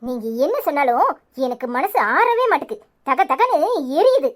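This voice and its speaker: A woman's voice: sits high, very animated, moderate pace. A woman voicing an upset young wife and new mother in a cartoon, complaining with a Tirunelveli Tamil accent. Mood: hurt. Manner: complaining, hurt, grumbling.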